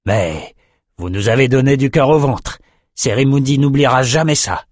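A man voices a bearded harbour master who is weary yet kindly, speaking in a tired, sighing manner. His medium-pitched voice, at a moderate pace, is raised slightly above his natural register while staying close to everyday speech. The studio-quality recording has no room sound.

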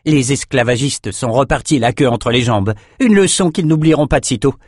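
A man voicing an eager young soldier giving a formal report to his general, loud and crisp. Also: mid-range voice, moderate pace, dry recording, clean studio sound, pitched above the performer's own voice, close to an everyday voice. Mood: dutiful.

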